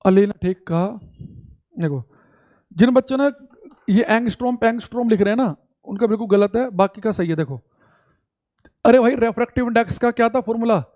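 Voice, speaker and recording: A male teacher giving a live online class, repeating key points slowly for students to write down and calling them brother. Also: sits high, a little mellow. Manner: scolding and exasperated about audio complaints.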